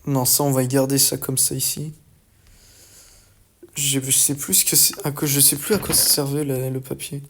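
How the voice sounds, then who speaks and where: Excitable young man narrating his gameplay. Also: mid-range voice, normal speed. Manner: excitable, swears often, talks to viewers as "the guys". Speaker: gaming YouTuber. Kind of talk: casual let's-play commentary.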